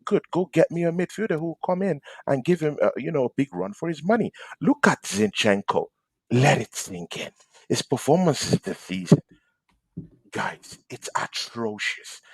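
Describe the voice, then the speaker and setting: A man hosting a fan debate show, ranting passionately about his team and swinging between loud outbursts and quiet asides. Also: fairly high pitch, slightly rough, no echo. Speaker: fan channel host. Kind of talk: heated football fan debate.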